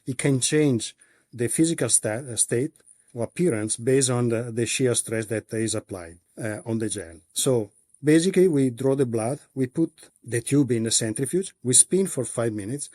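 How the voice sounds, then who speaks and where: Speaking as a company executive, this Italian-accented man from Italy fields interview questions haltingly, pausing and starting over many times. His pitch is medium with lively intonation and a darkish tone, and the studio sound is dry and clean.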